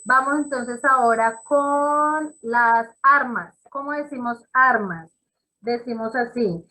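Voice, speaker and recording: Woman teacher, bright and slightly high voice, unhurried, encouraging. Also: rough recording. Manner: encouraging, praises students by name; slow and explanatory, repeats examples. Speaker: English teacher. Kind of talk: classroom teaching.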